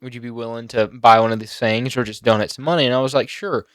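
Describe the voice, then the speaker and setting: A teenage boy talking on his own channel, emotional and halting, near tears at times. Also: mid-range voice, level tone, no echo, studio quality. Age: teens. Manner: emotional, halting with many fillers and restarts. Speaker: YouTuber. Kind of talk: personal vlog talk.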